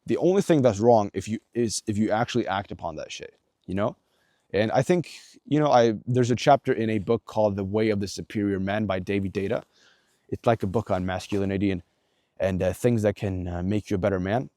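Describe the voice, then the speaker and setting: Here the young self-improvement vlogger sounds darker in tone, his lowish voice running fairly quick. He addresses the viewer head-on with earnest, blunt coaching, cursing often and restarting sentences amid plenty of "like." Dry, studio-quality audio.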